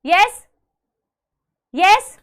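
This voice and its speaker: A woman teaching biology in an online class, drilling each term slowly and asking students to repeat after her. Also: very high-pitched, sing-song. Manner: slow drilled pronunciation, asks students to repeat.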